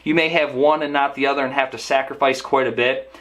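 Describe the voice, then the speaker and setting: A man's voice: medium pitch, steady tone, fairly quick, fairly bright tone. A man casually reviewing a camera backpack on his vlog, talking conversationally with frequent fillers. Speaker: camera gear vlogger.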